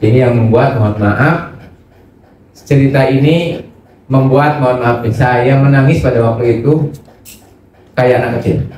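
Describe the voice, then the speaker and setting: A man preaching a religious study talk in an animated way, acting out voices as he goes. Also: mid-range voice, a little slow, pauses often, a little hiss or hum. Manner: animated, acts out quoted voices. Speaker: Islamic preacher. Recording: echoey hall from far off.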